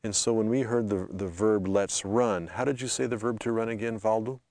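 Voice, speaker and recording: A North American man hosting a language lesson, explaining pronunciation in a clear, steady teaching tone. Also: lowish voice, normal speed, dry recording.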